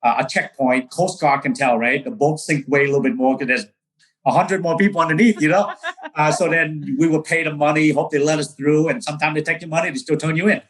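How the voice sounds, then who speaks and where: A man's voice: on the high side, steady tone, brisk, poor audio. A man from Vietnam, a real estate broker telling his story in a casual interview, earnest, with many fillers and restarts.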